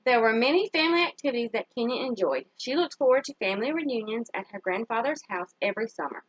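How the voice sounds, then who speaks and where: A woman reads a children's story aloud as a teacher would, pausing to ask young listeners simple questions and praising their answers. Her voice is fairly high and expressive; the recording is muffled with no echo.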